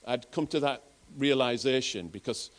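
A man's voice: mid-range voice, normal speed. A man with a Northern English accent, preaching a sermon and telling personal stories in an earnest way, often restarting his phrases. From England. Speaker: pastor.

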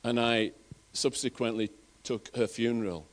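Earnest Northern English preacher. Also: male voice, medium pitch, fairly even intonation, normal speed. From England. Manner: earnest, personal storytelling with frequent restarts. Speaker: pastor. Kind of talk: sermon.

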